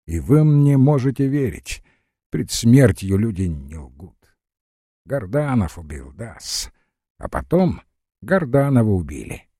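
A man voicing an aging, pious army general who confides his fears in a hushed, halting way. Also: fairly low pitch, gravelly, husky, no room sound, studio quality, full character voice. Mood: grave. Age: older.

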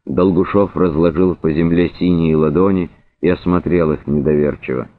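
A man reading literary narration aloud in a measured, even way. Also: extremely low pitch. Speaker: audiobook reader. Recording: narrow phone-like sound.

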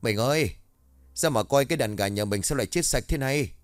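A man's voice: on the low side, animated, fairly quick, no room sound, natural voice. A man voicing an anxious middle-aged farmer's wife in a village story. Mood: distressed. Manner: anxious, pleading.

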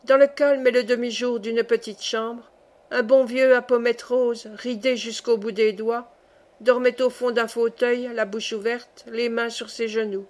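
A woman reads a classic tale aloud as an audiobook narrator. Her delivery is calm and measured, with a voice pitched a little high. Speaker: audiobook reader. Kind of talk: scripted narration.

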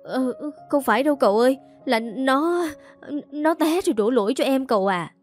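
A woman voicing a young female maid in a storybook reading, pitching her voice higher than her narration and stammering when the maid is scared. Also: brisk, a little mellow, faint music behind, lightly acted. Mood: panicked pleading.

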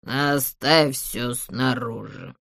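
Hoarse cornish tramp guy woken up, snappy and rude, read by a woman, dead dry sound. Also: extremely low pitch, drawn-out words, no echo, full character voice. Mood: hostile. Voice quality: hoarse from sleep. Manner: curt, snapping and shouting. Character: gruff male vagrant woken from sleep, hostile.

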